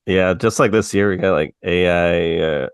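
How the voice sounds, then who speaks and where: A man's voice: low-pitched, normal speed, clean tone, dry recording, clean studio sound. A man co-hosting a film podcast, casual and chatty and full of filler likes. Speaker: podcast co-host. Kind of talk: podcast conversation.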